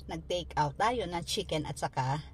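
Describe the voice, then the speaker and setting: Holding her phone at arm's length, a middle-aged woman with a Filipino accent chats casually for her travel vlog, first at an outdoor garden restaurant and then inside a car. Her deep voice has lively intonation and a moderate pace; she laughs easily and slips into English, and the recording is very noisy.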